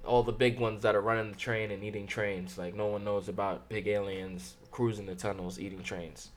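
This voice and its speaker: A man's voice: lowish voice, flat delivery, moderate pace. A young man co-hosting a podcast, chatting casually with slang, joking and laughing often. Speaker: podcast co-host. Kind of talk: casual chat.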